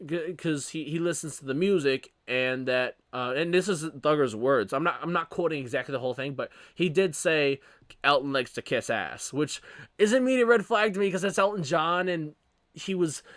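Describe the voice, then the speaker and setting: A young man hosting his own podcast, talking casually and rambling with frequent self-corrections and animated opinions. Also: a little high, moderate pace, no room sound, studio quality. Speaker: podcast host. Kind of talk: casual solo podcast commentary.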